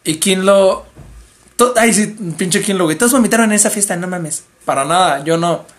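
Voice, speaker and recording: A young man with a Mexican Spanish accent, hosting a livestream and chatting casually, animatedly telling party gossip and mimicking people. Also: normal speed. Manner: animated, acts out others in high mimicking voices. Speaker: livestream host.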